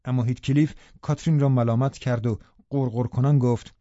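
Mellow male audiobook narrator. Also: medium pitch, fairly even intonation, no echo. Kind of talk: scripted narration. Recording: dry, slightly dull studio audio.

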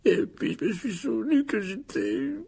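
A man with a gravelly voice reading a storybook and voicing a touchy, self-pitying ghost schoolgirl with a tearful, whiny tone. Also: on the high side, expressive, normal speed, dark tone, voice pushed up, heavily acted.

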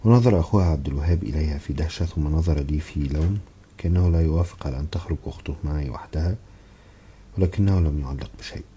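A man reads a novel aloud with low, dark tones and a mellow timbre. His delivery is expressive and dramatic, growing heated in the first-person dialogue. A faint hiss runs behind the voice. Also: fast. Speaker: audiobook narrator.

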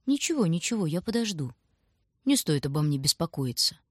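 A woman's voice: sits low, very animated, fairly quick, husky, dry recording, studio quality, exaggerated voice. A woman voicing a pompous, tyrannical male toy king from a children's storybook, haughty and given to bellowing. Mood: smug. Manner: haughty, then bellowing with rage.

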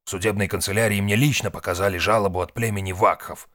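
A man's voice: fairly low pitch, fairly even intonation, quick pace, a bit bright, no room sound, clean studio sound, natural voice. A man voicing a shrewd, weary old man who speaks grimly and curtly. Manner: grim, curt.

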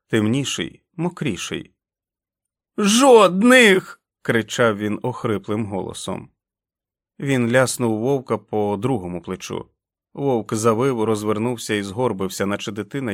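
Man with a lowish voice reading a novel out loud, dramatic, dry studio sound. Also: no echo. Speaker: audiobook narrator. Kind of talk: audiobook narration.

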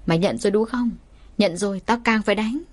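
Woman voicing a vicious, shrill middle-aged wife, scolding and threatening. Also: a little fast, lightly acted. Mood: furious scolding.

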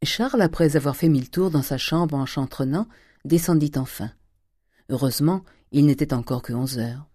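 Woman audiobook narrator, measured reading, low voice, dry close sound. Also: dark tone, husky, no room sound. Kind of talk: scripted narration.

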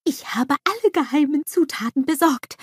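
A woman's voice: high voice, lively intonation, normal speed, no echo, studio quality, pitched above the performer's own voice. A woman voicing a cheerful, naive little snowman in a storybook, gushing and wide-eyed. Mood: excited. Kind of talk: storybook character voice.

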